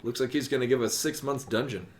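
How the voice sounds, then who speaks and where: A man's voice: mid-range voice, steady tone, fast, slight background noise. A man in his thirties chatting casually as he streams a game. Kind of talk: casual chat while playing. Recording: faint game music behind. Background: game music.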